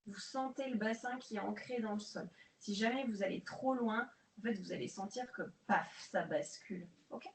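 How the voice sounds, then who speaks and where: A woman leading a guided prenatal exercise class, calmly counting breaths and giving coaching cues. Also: mid-range voice, moderate pace, hardly any pauses, far from the mic, slight background noise. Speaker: prenatal fitness instructor. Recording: echoey room, voice off-mic.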